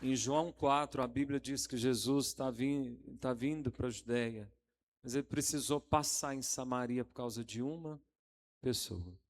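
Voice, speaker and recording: A man's voice: medium pitch, a little slow, a little hiss or hum. A man from inner São Paulo leading a live church service as bishop, guiding the congregation into prayer. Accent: Brazilian Portuguese, interior São Paulo. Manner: leads the congregation in prayer, gives directions. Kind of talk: sermon and guided prayer.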